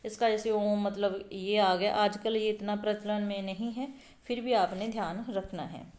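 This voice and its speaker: With a steady tone and a measured pace, a woman whose mid-range voice is darkish explains an exam-prep lesson step by step. She sounds out and repeats vowels aloud with many fillers, in a reverberant recording.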